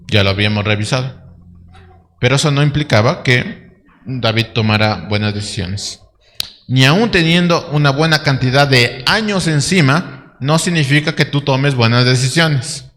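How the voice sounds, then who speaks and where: A man's voice: medium pitch, a bit bright, in a large hall. A man preaching a sermon as pastor, conversational, with asides and rhetorical questions. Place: church.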